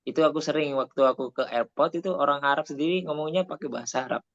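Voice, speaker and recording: A man's voice: fairly high pitch, fast talker, gravelly. A man talks casually while teaching Arabic and drifts into personal stories. He drops Arabic phrases into his speech. The recording sounds dull and lo-fi. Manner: chatty, tells personal anecdotes, mixes in Arabic phrases.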